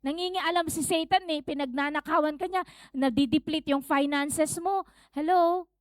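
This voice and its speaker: A woman pastor with a very high voice delivers an impassioned sermon, mixing Tagalog and English. She builds to shouted calls at times. The sound is dry and close, with no room echo. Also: moderate pace. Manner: fervent preaching, rising to shouted exhortation; switches between Tagalog and English mid-sentence.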